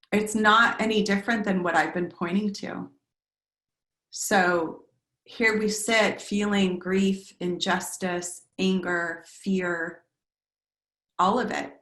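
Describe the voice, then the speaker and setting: Woman teaching meditation over a video call, gentle and reflective, slow lists, echoey room. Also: mid-range voice.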